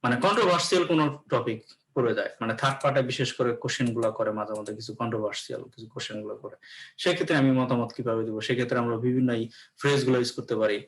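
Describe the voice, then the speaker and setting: A male English teacher delivers an explanatory classroom lecture in a mid-range voice at a racing pace. He keeps checking in with his students, repeatedly saying "okay."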